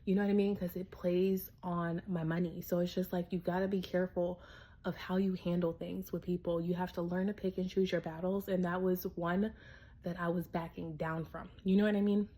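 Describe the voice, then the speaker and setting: A woman vlogger telling a work story in casual, animated chat, full of "like" and "you know what I mean.". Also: on the low side, brisk.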